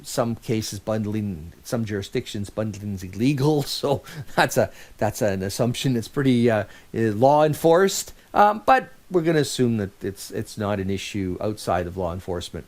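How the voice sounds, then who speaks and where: Man lecturing with lively pitch. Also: normal speed, few pauses. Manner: conversational, often restarts and corrects himself. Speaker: instructor. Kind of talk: recorded lecture.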